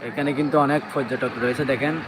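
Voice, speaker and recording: A man's voice: medium pitch, steady tone, rapid-fire. A Bangladeshi man hosting a casual live vlog outdoors on a beach, urging viewers to look in a repetitive way. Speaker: livestream host. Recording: noisy outdoor live stream. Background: outdoor ambience, sea waves.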